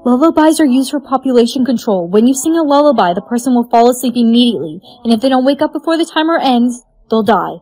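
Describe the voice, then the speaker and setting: A woman's voice: fairly high pitch, animated, quick pace, hardly any pauses, darkish tone, no echo. A young woman acting earnest characters in a short melodramatic social video skit. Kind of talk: acted short social video skit, playing several parts.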